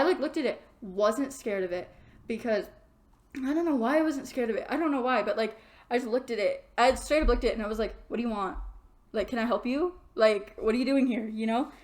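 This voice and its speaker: A young woman vlogging in her bedroom, telling a story in a rambling, animated way with lots of filler words. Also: fairly high pitch. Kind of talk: casual storytelling to camera.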